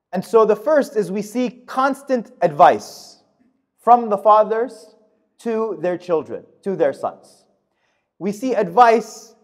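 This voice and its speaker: A man in his thirties delivering a Friday sermon in a mosque, speaking at a podium microphone in a measured, emphatic way. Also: sits high. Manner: measured, emphatic delivery with fast recited Arabic verses. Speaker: khutbah speaker. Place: mosque prayer hall, indoors. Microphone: gooseneck podium mic.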